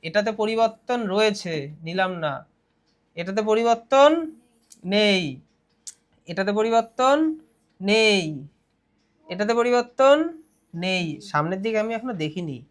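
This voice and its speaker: In a classroom grammar lesson, a male teacher with a Bengali accent reads English phrases slowly before explaining them briskly, repeatedly putting questions to his students. His voice sits high and is a bit bright, clear, and resonant.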